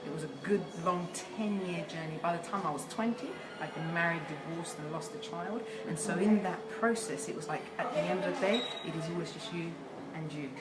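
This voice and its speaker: A woman from South America speaks about connection with earnest, reflective calm. Her voice sits slightly low. The room is echoey, and loud ambient noise runs underneath. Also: a little fast. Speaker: relationship facilitator. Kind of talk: casual conversation.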